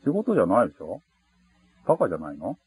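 A man with a Fukuoka accent on a phone call, calmly taunting and mocking the other caller with repeated insults. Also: on the low side, fast, slightly rough, no echo. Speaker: prank caller confronting a scammer.

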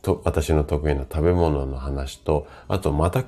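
Man, fifties, gravelly and hoarse, dark mellow tone, chatty explanatory live-stream host, faint background music. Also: very deep voice, steady tone, unhurried. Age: 50s. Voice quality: gravelly, rough voice from drinking the night before. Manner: chatty, explanatory, greets listeners by name. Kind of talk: casual live-stream talk on health.

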